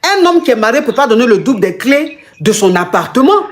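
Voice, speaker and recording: A high-pitched woman hosts a call-in advice talk. She talks straight to her caller, exclaiming and teasing, and she acts out every quote with drama. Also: very animated, a little fast. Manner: retells the caller's story dramatically, acting out the quotes. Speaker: advice show host, the coach.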